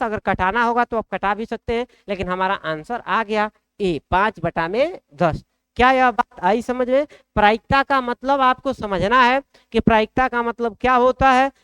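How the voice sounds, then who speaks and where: A man's voice: very high-pitched, a bit bright, clear, resonant tone, dry recording. A man with a Bihari accent teaching a math class in a colloquial way, often asking the class questions. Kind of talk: blackboard lesson.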